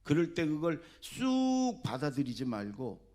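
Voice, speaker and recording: A man's voice: on the high side, huge pitch swings, measured pace, dark tone. A man preaching a Sunday sermon as senior pastor, exhorting his congregation with sudden emphatic bursts. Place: church sanctuary.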